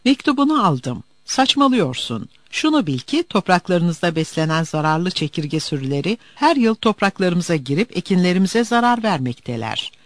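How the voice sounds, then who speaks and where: A man's voice: sits high, big pitch swings, normal speed, few pauses, dry recording. A man reading a boastful chief's threat letter. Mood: threatening.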